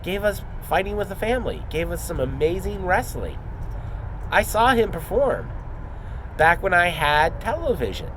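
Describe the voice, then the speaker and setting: A man with a fairly high voice talks casually into a vlog, rambling in an earnest, unscripted way. Clear vehicle and outdoor noise runs behind him. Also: sing-song, normal speed, fairly bright tone, low-quality recording. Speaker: wrestling student.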